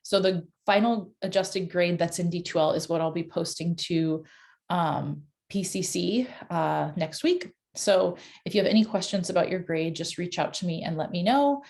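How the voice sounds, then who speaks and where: A woman's voice: lowish voice, normal speed, vocal fry, a little mellow. A woman teaching a dental course in an online class session over a video call, talking casually with many fillers and restarts.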